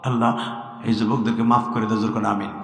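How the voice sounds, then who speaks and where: A man giving a fiery sermon to a large gathering, chanting in a sing-song way that rises to shouts, heard through a PA. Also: fairly low pitch, little pitch movement, fast. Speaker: preacher. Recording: echoey PA sound with long reverb.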